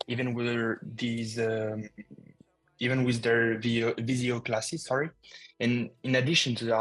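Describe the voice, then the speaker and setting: Young man from France, student panelist, flat and hesitant delivery. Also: mid-range voice, poor audio. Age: young adult. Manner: hesitant, with fillers and restarts. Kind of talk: student podcast discussion.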